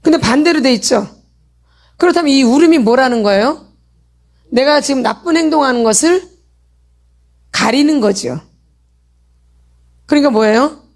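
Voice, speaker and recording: Leading a church healing meeting, a middle-aged woman gives a sermon lecture full of call-and-response questions that she answers on her own. She speaks at a moderate pace with a high, animated, darkish voice and long pauses.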